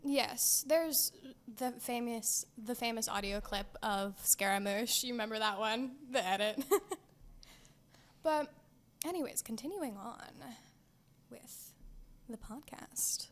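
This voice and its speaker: A young woman hosts a casual podcast, speaking slowly in a slightly high voice as she gushes playfully and enthusiastically about a video game.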